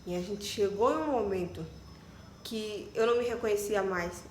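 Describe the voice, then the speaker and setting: A woman's voice: mid-range voice, normal speed, slight background noise. A young Brazilian woman tells a personal story casually, chatting animatedly and filling her speech with little asides. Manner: chatty and animated, many fillers like "tipo" and "né". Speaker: vlogger. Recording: echoey room with faint ambience.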